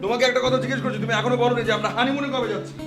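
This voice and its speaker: An actor playing a loud, blustering young husband in a comedy TV drama. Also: male voice, extremely high pitch, fairly even intonation, very fast, reverberant, over music.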